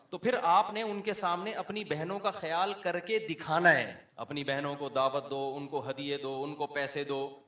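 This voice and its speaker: A man with a Pakistani Urdu accent preaching a sermon, swinging between loud emphasis and quiet asides and acting out the people he quotes. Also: on the high side, reverberant. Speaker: Islamic preacher.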